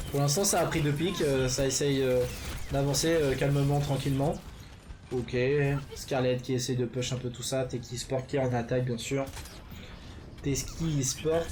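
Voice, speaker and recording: A man's voice: medium pitch, noisy background. A man casting a live esports match, chatty and loose, filling gaps with fillers and fixing his own slips as he goes. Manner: chatty, full of fillers and quick self-corrections. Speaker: esports caster. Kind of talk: live game commentary.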